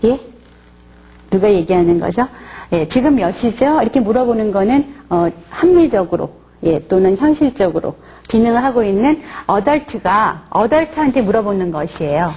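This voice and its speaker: A woman's voice: mid-range voice, animated, moderate pace, a little mellow, husky. A woman professor giving a counseling course lecture, asking her audience questions and acting out short dialogues. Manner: asks the audience rhetorical questions; acts out short workplace dialogues.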